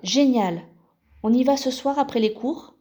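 A determined schoolgirl speaks directly and without fuss, in a warm, dark voice, as a woman reads her aloud. The storybook delivery stays calm. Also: a little high, measured pace, close to an everyday voice. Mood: firm. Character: teenage girl, determined and blunt.

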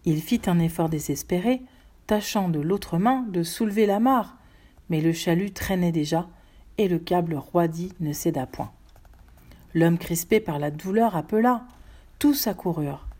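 A woman reads a story aloud with measured, expressive phrasing. Her voice is fairly low and dark in tone, with a husky edge.

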